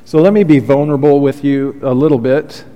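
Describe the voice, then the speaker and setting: A pastor preaches a sermon in a medium-pitched, steady voice at a brisk pace, the recording muffled and carrying a long hall reverb. His delivery is earnest, heartfelt and soothing, with soft confessional asides.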